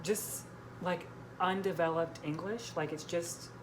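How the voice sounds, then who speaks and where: On a laid-back book vlog, a woman speaks a little slowly in a lowish, steady voice, using "like" again and again. Background noise from the room is audible.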